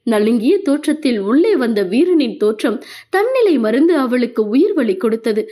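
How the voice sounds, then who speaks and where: A woman narrating a romance audio novel with expressive, emotional storytelling. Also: high voice.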